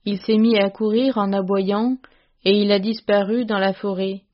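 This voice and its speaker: A woman's voice: mid-range voice, little pitch movement, normal speed, dull audio, lightly acted. A woman reading the lines of a timid, stammering young husband in an audiobook story, in a meek, pleading way.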